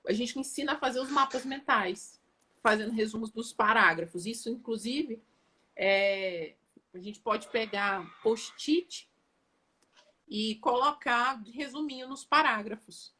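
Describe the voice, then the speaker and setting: A woman educator talking casually on a live stream, lively, often repeating words and checking whether listeners follow. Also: on the high side, unhurried, a little hiss or hum. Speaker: educator and guest on an Instagram live.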